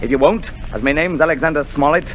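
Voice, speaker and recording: A man doing a stern ship's captain, slightly high voice, brisk clipped orders, faint hiss of old radio. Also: lightly acted. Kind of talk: 1930s radio drama acting.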